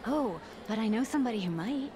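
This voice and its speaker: A woman's voice: a little high, animated, brisk, background noise, natural voice. An actress playing a helpful, polite young female café worker in a video game dub. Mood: helpful, sympathetic. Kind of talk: English game dub acting.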